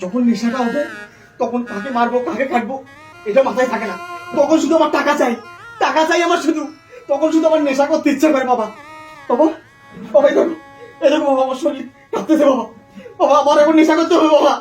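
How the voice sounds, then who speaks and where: A man's voice: extremely high pitch, fast, pauses often. An actor playing a young husband wrecked by drug addiction, who keeps pleading and sobbing and repeats his words over and over. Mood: craving, desperate. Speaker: addicted husband in a short film. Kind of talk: melodramatic short-film acting. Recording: echoey, mic far off, music underneath.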